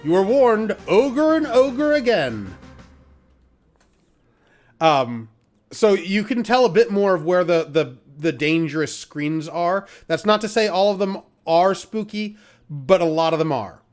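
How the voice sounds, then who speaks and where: A man's voice: a little high, lively intonation, measured pace, soft background music. A man hosting a casual game playthrough, reading the game text aloud, with loose fillers and the odd mild swear. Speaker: let's play host. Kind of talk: casual gameplay commentary.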